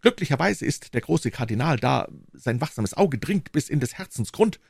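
A man's voice: medium pitch, expressive, normal speed, creaky, a little mellow, slightly rough, no room sound, studio quality, voice pushed up. A man reading aloud and voicing a touchy, greedy male shopkeeper who talks pompously and indignantly, in a raised voice. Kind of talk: audiobook reading.

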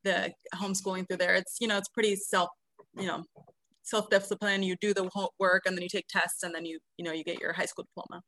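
Woman, 30s, raised in South America, podcast guest, bright voice, many ums, dry close sound. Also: fairly low pitch, flat delivery, fast, dry recording. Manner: soft, hesitant, many ums. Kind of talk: casual interview answers.

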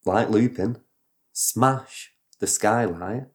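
A man's voice: lowish voice, very slow. Man rambling through a story. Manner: rambling, animated retelling with sound effects. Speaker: podcast host. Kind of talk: casual storytelling chat.

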